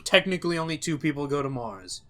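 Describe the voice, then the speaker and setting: A man's voice: a little high, big pitch swings, fast, sharp tone. A man co-hosting a podcast in casual chat, teasing his friends and recapping plots. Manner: teasing, recounts plots at length. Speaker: podcast co-host.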